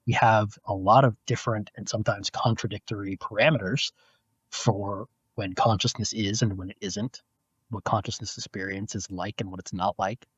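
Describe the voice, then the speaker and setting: A man with a low voice works through his answers with care, picking his words and restarting as he goes. The sound comes over a video call and is dull and lo-fi. The audio is dry, with no room echo. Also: fairly even intonation, husky. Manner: measured, explanatory, with frequent restarts. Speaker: guest, philosophy professor. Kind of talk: thoughtful interview answers.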